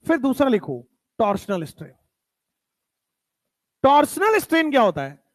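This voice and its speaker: High-voiced, lively male chemistry teacher. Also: normal speed, dry recording. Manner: emphatic, repeats key terms, drops pitch at definitions. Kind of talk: classroom lecture.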